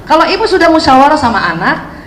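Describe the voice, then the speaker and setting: A high-pitched woman speaks to a hall full of mothers. She is lively and chatty, and she acts out little scenes between mother and child. The room echoes, with faint ambience behind her. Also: quick pace, a little hiss or hum. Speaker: parenting speaker. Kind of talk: talk to an audience of mothers. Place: hall with an audience.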